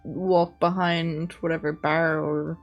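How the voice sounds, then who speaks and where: A woman's voice: deep voice, little pitch movement, takes it slowly, muffled recording, soft background music. A woman playing a tabletop game, chatting casually and playfully.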